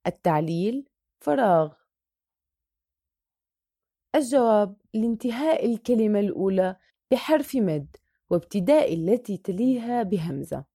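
A woman's voice: mid-range voice, expressive, moderate pace, pauses often, warm tone, husky, no room sound, studio quality. Methodical woman reading a worksheet. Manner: methodical, reads each answer in turn, draws out example words. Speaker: teacher. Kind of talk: reading a Quran recitation worksheet aloud.

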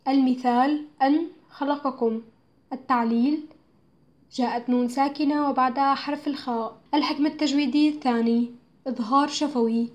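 As narrator of a school textbook audio, a woman with a high-pitched voice reads a religious studies lesson in a measured, clear way, reciting verses slowly and carefully.

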